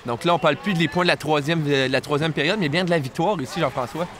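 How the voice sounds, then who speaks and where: A man's voice: a little high, fast talker, music in the background. A man with a Quebec French accent giving live sports analysis as a colour commentator during a game. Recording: clear venue noise behind.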